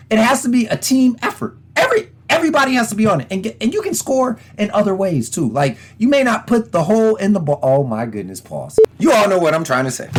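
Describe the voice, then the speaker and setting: A man's voice: sits high, slightly rough. A man in his thirties from Detroit, hosting a casual sports podcast, rambling and acting out quoted voices. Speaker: podcast host.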